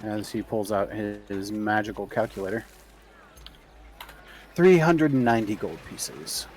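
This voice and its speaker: A man improvising as game master and shopkeeper in a tabletop role-playing game, speaking in a hesitant, halting way. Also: fairly low pitch, darkish tone.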